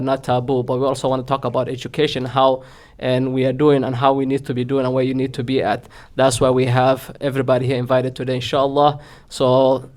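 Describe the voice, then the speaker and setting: A man hosting a community event, welcoming people in an earnest speech that repeats phrases. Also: mid-range voice. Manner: earnest, repeats phrases, sprinkles in Somali words.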